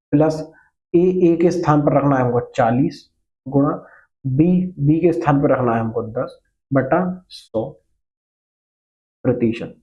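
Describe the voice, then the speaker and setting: Speaking Hindi mixed with English terms, this man patiently explains math to a class step by step, posing questions and going back over key points. His voice is a little high, and the recording sounds dull.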